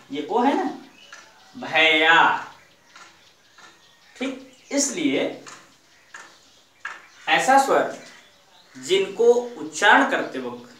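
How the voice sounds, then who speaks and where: High, lively male teacher in echoey room. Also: recorded from a distance. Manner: patient, repeats questions and answers them himself. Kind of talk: classroom grammar lesson.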